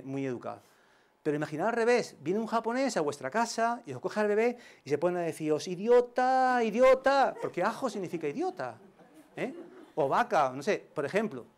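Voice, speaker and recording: A middle-aged male schoolteacher giving a conference talk, animated and full of joking examples. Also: on the high side. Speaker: primary school teacher. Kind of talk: conference presentation.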